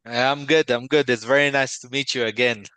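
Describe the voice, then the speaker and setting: A man from Ethiopia hosting a video call meeting and presenting, friendly and halting with many fillers and restarts. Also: medium pitch, steady tone, a bit bright, clean tone, no room sound. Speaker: meeting host, company founder.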